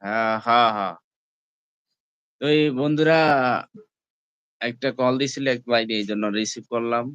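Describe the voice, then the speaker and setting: A man hosts a casual live stream from his phone. His voice comes through smooth and clear, with a dry, close sound and no room echo. He keeps nudging viewers, calling them brother and friends. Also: medium pitch, measured pace, pauses often, fairly bright tone, lo-fi sound. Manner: repeatedly asks viewers to comment and like. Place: indoors, at home.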